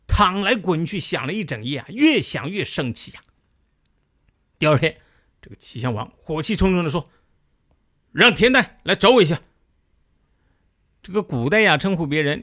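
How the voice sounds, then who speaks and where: A man telling a history story in a lively, colloquial way, full of chatty asides. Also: on the high side.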